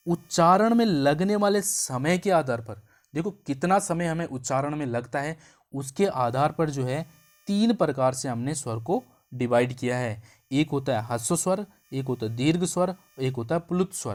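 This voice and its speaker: A man teaching an exam-prep grammar lesson, explaining step by step, drawing out sounds to show them and checking in with quick questions. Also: on the high side, darkish tone. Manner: draws out vowel sounds to show their length.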